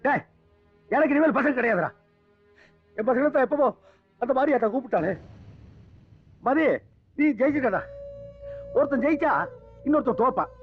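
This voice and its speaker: A man's voice: very high-pitched, expressive, normal speed, pauses often, faint music behind. An actor playing a proud, hot-tempered foster father scolding his son. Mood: grieving. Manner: scolding, commanding. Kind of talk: film drama acting. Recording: dull film soundtrack.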